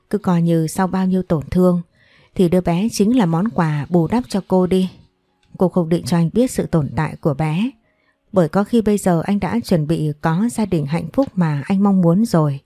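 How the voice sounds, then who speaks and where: A woman narrates a scripted story in an even, measured reading. Her voice sits low and sounds mellow and dark. The sound is dry and close. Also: dry recording.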